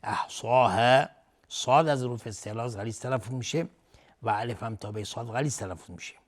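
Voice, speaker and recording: A man teaches Quran recitation, chanting the verses slowly and melodically. He then explains the rules in quicker speech at a lower pitch.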